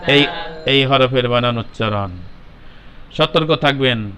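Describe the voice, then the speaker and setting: A man with a Bangladeshi Bengali accent teaches Quran recitation, patiently and repetitively drilling a class of children on letter sounds, calling on pupils by name and correcting them. His medium-pitched voice is slow, bright, forceful, and smooth.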